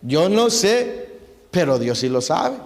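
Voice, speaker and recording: High-voiced preacher in a reverberant hall. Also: male voice, very animated, slow pace. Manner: preachy, rhetorical questions, quotes others mockingly. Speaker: pastor. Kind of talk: sermon.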